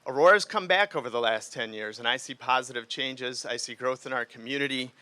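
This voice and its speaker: A man's voice: mid-range voice, brisk, bright, forceful tone, clear, resonant tone, no room sound. A middle-aged man from Liberia giving an earnest, off-the-cuff campaign speech outdoors in the rain. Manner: earnest, speaks off the cuff with fillers. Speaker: mayoral candidate.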